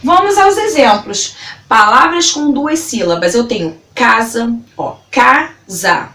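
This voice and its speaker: A woman teaches a grammar lesson, taking her time and sounding each word out syllable by syllable. Her voice sits a little high and swings up and down with lively emphasis. She is recorded from across an echoey room. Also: distant mic. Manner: slow, spells words out syllable by syllable.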